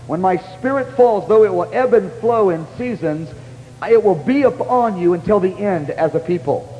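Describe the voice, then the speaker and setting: Excited high-voiced man preaching in a hall. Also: moderate pace, dull audio, soft background music. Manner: animated storytelling, breaks into high excited exclamations. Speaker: pastor. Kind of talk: sermon testimony.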